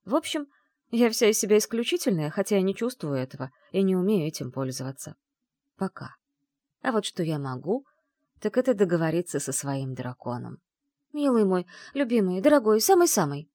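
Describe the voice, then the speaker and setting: Expressive woman reading a fantasy audiobook. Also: fairly low pitch, fairly quick, dry recording, studio quality. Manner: expressive, chatty narration. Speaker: audiobook narrator.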